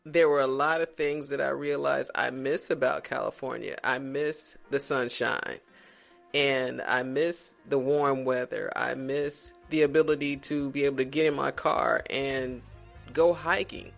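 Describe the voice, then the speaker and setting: A man from South Carolina chats casually as a podcast guest, his mid-pitched voice carrying a gravelly rasp. He talks reflectively and without hurry, often backing up to restart his sentences, with faint music under him. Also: steady tone, fairly bright tone. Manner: reflective, unhurried, with frequent restarts. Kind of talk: casual conversation.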